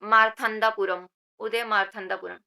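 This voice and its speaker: A woman's voice: medium pitch, steady tone, normal speed, gravelly, pushed and bright, smooth. A woman teaching general knowledge for government exams, repeating key words and asking rhetorical questions, mixing English words into Hindi. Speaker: exam coaching teacher. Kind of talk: Hindi general knowledge lesson with memory tricks.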